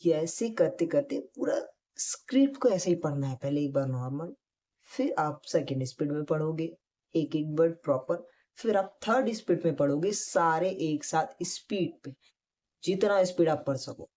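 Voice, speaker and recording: A man explains acting techniques in a relaxed tutorial, speaking straight to his viewers. His tone is mellow and warm, never sharp. He talks in a direct, encouraging way and leans hard on his key points. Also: fairly high pitch, normal speed. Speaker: acting teacher. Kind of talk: casual spoken tutorial.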